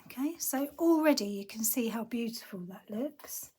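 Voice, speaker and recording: A woman chats her way through a card-making tutorial at a normal speed, her croaky voice a little high, darkly toned, and lively in its intonation. She frequently murmurs half-whispered comments to herself while working.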